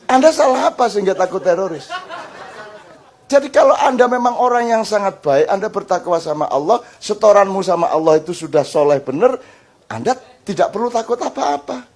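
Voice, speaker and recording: An older man preaching to a gathering, animated and joking, acting out little dialogues. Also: high-pitched, fairly quick. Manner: animated, joking, mixes in Javanese phrases, acts out dialogues. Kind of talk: lively Islamic study talk before a crowd.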